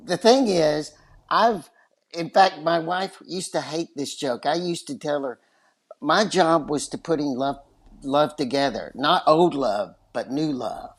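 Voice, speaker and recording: A man's voice: a little high, a little slow. An older man from West Texas with a West Texas twang, telling anecdotes as an interview guest. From West Texas, United States. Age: 60s or older. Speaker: podcast guest, retired divorce lawyer. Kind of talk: animated anecdotal interview talk.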